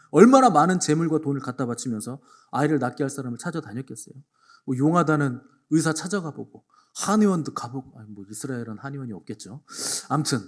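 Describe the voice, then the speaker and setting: A male pastor delivering a Sunday sermon, retelling scripture with acted-out dialogue and sudden swings from quiet to forceful. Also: on the high side. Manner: acts out biblical speakers in dialogue, swings between hushed and emphatic.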